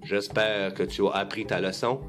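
A man voicing a big proud male lion king in a storybook, gruff and commanding. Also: on the low side, steady tone, moderate pace, music in the background, pitched below the performer's own voice, natural voice. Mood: stern.

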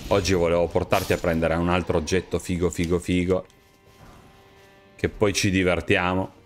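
Very low-voiced man swearing through a game. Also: normal speed, faint music behind. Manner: slangy, crude, swearing, jokey. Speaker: streamer playing a video game. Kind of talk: casual gameplay commentary. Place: small room at home, webcam stream. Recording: clear steady background noise.

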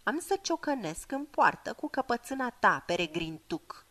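A woman voicing a stern, short-tempered old male wizard who scolds and commands loudly. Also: fairly high pitch, sing-song. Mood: scolding. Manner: commanding, scolding, slow chanted spells.

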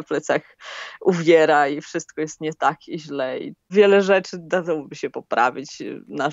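A woman guest in an interview, answering questions in a calm, thoughtful and explanatory way. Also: sits low, no room sound, dull audio. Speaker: long-distance hiker, guest.

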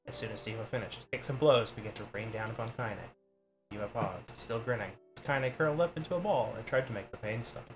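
A man's voice: medium pitch, a little fast, music in the background. Man reading a story aloud. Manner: steady storytelling, occasional slips and asides. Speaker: story reader.

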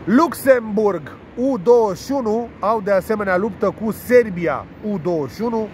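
A high-voiced man, nasal and congested with a cold, rambles through his betting picks with crude jokes, swearing and playful made-up words. He is recorded outdoors, with faint city traffic noise behind him. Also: expressive, a little mellow. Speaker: sports betting tipster. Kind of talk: casual monologue presenting betting tips.

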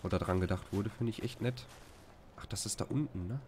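A man's voice: lowish voice, brisk, a little mellow, a little hiss or hum. A man with a German accent giving casual, rambling commentary while playing a video game, often exclaiming at what he sees. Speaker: let's play commentator.

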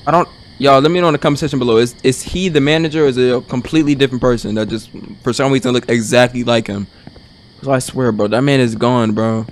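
A man's voice: mid-range voice, steady tone, quick pace, a little hiss or hum. A young man playing a horror game as a streamer, jumpy and scared, muttering one moment and shrieking the next, and saying "bro" constantly. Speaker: gaming streamer.

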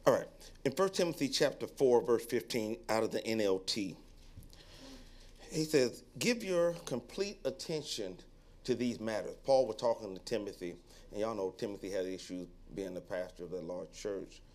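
A male pastor preaching a sermon in an animated, joking way, acting out onlookers' voices and then dropping to a quiet tone to exhort. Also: moderate pace. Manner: drops to a low, quiet tone when reading and exhorting.

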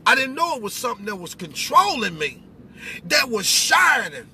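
A middle-aged man with a very high, sharp, sing-song voice at normal speed tells animated personal stories with some preaching. Sitting in a noisy pickup truck cab, he speaks colloquially and emphatically, repeating phrases.

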